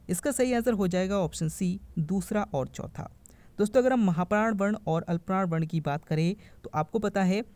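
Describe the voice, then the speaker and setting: Guy going through quiz answers option by option for an exam, warm mellow tone, dry sound, keeps telling his friends what to remember. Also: high voice, no echo. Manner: reads each answer option methodically, then explains it; calls the viewers friends and stresses what to remember. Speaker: exam-prep Hindi grammar tutor. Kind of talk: online quiz-style lesson.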